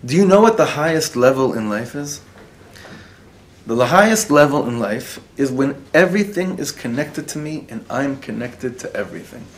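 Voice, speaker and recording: Speaking at a moderate pace in a mid-range voice with lively intonation, a rabbi leads a live class, blending in Hebrew and Yiddish terms and questioning those present. The session is recorded for online students, with a little background noise.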